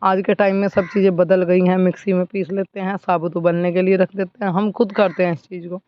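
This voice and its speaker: Woman, 30s, village vlogger, rambling casual chores commentary, smooth clear tone. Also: on the low side, little pitch movement, brisk. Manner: chatty, rambling, talks to viewers while working. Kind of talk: casual running commentary while doing chores. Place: outdoors at a village home, by a water tap. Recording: slightly dull recording.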